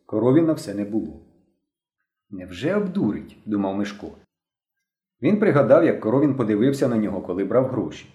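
A man reading a novel aloud as an audiobook narrator with lively storytelling. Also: lowish voice, fast, dull audio. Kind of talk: scripted narration. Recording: roomy echo.

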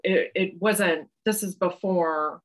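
A woman's voice: fairly low pitch, slow. A woman in her forties from western Canada, a podcast guest talking casually and rambling with many fillers. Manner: rambling, many ums and likes, laughs often. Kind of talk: casual interview chat.

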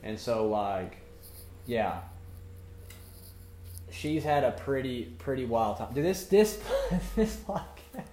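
A man's voice: medium pitch, animated, slow pace, pauses often, warm tone, roomy sound, a little hiss or hum. A young man hosting his own podcast, talking alone in a rambling, candid way, full of slang like dude and bro. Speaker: podcast host. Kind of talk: casual solo podcast monologue.

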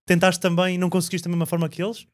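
A man's voice: high voice, monotone, rapid-fire, dry recording. A man with a European Portuguese accent co-hosting a podcast, putting insistent, slangy questions in casual chat. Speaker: podcast co-host.

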